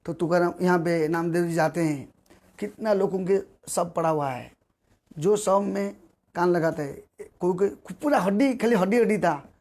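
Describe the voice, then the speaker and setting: A male preacher telling a devotional story to a congregation, animated and repeating phrases. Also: sits high, normal speed. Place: congregation gathering.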